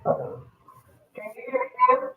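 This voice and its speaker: A woman calling into a meeting from a computer, her voice muffled and distant as if through a wall, speaking haltingly and apologizing while she fiddles with settings. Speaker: remote meeting participant. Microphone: computer with attached speaker on a call. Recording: muffled echoey call over a speaker.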